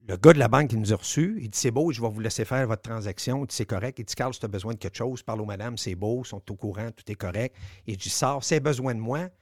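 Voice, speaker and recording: A man with a Quebec French accent telling a story on the radio, animated, swearing and acting out the dialogue. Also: mid-range voice, fast, dry recording, studio quality.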